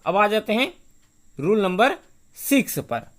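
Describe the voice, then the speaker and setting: Broadcast grammar teacher, mid-pitched, spells words out letter by letter, answers their own questions. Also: very animated, slow pace. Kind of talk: televised grammar lesson.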